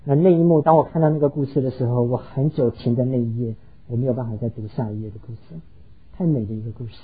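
A man's voice: mid-range voice, steady tone, fast talker, slightly rough, narrow, tinny audio. A pastor preaching a sermon, earnestly telling stories and slipping English words into his talk. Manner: earnest, heartfelt storytelling.

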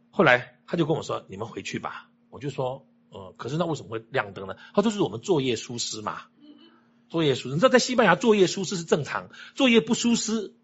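Guy telling a story fast, slightly high voice, acts out all the people he quotes. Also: slightly rough, lo-fi sound. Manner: animated, acts out quoted dialogue with shifting voices. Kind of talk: personal anecdote told to an audience.

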